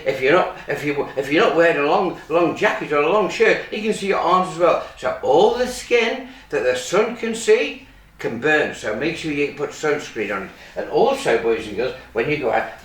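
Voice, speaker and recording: A man's voice: fairly high pitch, fairly bright tone. A man performing as a kids party magician and children's host, telling stories in simple, repeated phrases with exaggerated mock surprise and pantomime questions. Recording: roomy echo, distant microphone.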